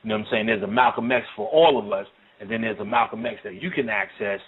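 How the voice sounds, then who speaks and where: A man's voice: lowish voice, quick pace, slightly rough. A man giving a casual, profane spoken lecture on the occult, talking in a loose, rambling way and often asking "you know what I'm saying?". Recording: tinny phone-like audio.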